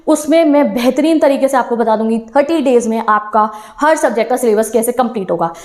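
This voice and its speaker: Brisk, high-voiced young woman teacher. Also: darkish tone. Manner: brisk, encouraging, mixing Hindi with English phrases. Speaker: online teacher. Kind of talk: motivational talk to exam students.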